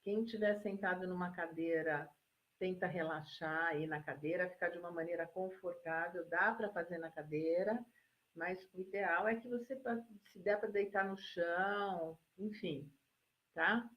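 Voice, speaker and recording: A Brazilian woman who works as a psychologist, giving a live-stream relaxation lesson and talking listeners through slow breathing in a soothing way. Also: on the low side, muffled recording. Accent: Brazilian Portuguese. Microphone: phone or laptop mic for a live stream.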